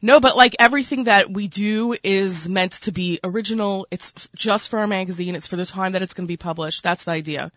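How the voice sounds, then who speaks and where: A woman's voice: medium pitch, fairly quick, hardly any pauses, a bit bright, no room sound, highs cut off. A woman with a Brooklyn accent talking casually as an interview guest, chatty and peppering her speech with "like" and "you know". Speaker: food magazine editor, interview guest.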